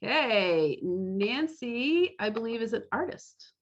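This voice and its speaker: Over a video call, with her computer mic giving the audio a slightly dull quality, a woman casually emcees a live online costume parade. Her voice is on the high side and animated, and she takes things slowly.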